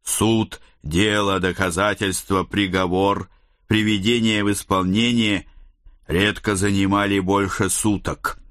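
A man reading a first-person audiobook in a calm, measured, dryly ironic manner. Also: lowish voice, no room sound, studio quality. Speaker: audiobook narrator.

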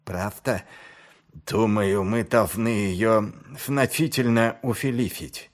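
A man voicing a cool male guild assassin in an audiobook, speaking slowly and smoothly. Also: lowish voice.

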